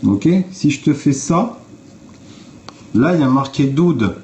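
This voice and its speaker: A man's voice: medium pitch, lively intonation, measured pace, darkish tone, a little hiss or hum. A man on a phone livestream, talking to viewers in a blunt, informal way and explaining step by step. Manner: blunt, informal, swears, addresses viewers directly. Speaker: livestream host. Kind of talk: casual explanatory livestream talk.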